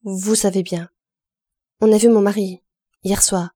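A woman voicing an angry young laundress who stammers out loud threats. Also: mid-range voice, fairly even intonation, a little slow, lightly acted. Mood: threatening.

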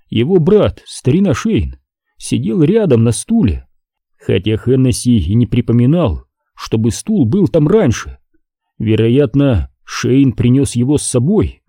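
A man reading a dark sci-fi horror novel aloud as an audiobook narrator. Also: mid-range voice, gravelly, breathy edge, dry recording, clean studio sound. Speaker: audiobook reader. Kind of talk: scripted narration.

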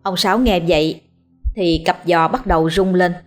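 A woman with a Southern Vietnamese accent narrating a ghost story in a steady storytelling manner. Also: fairly low pitch, normal speed, faint music behind.

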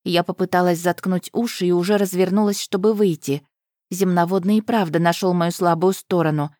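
A woman narrating a first-person fantasy audiobook in an even storytelling tone, close to the mic. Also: lowish voice, fairly quick, no echo. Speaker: audiobook reader.

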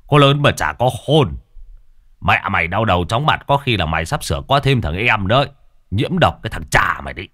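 A man's voice: sits low, a bit bright, no room sound, clean studio sound, heavily acted. A man voicing a crude, middle-aged father who sells vegetables and swears as he talks. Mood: gruff. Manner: coarse, swearing, brisk.

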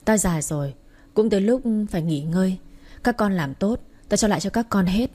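A woman voicing a rich old company chairman who speaks slowly, calmly and with authority. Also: high voice. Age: older.

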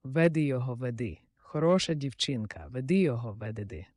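A man voicing an excitable, boastful old king in an audiobook, cheering loudly. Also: mid-range voice, fairly quick, dry recording, clean studio sound, close to an everyday voice. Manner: raised, bursting with excitement. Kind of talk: audiobook character voice.

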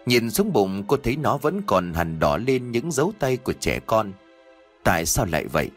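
A male host reads a scripted horror story in a measured, dramatic way. His voice sits fairly low and rises and falls with great liveliness. Faint music runs in the background. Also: big pitch swings, breathy edge.

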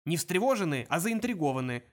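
A man voicing a boastful, reckless space captain, loud and excitable. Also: on the high side, fairly quick. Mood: brash.

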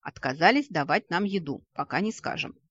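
A reader gives voice to a haughty male elf mage. He explains in a measured, proud tone with a husky edge. The sound is close and dull. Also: medium pitch, expressive, a bit bright, no room sound. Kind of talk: audiobook character voice.

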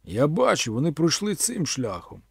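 A man's voice: a little high, wildly swooping pitch, moderate pace, creaky, slightly rough, no room sound, studio quality, pitched above the performer's own voice, exaggerated voice. A man voicing a grim, bold male barbarian warrior who speaks tersely, in a storybook reading. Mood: determined.

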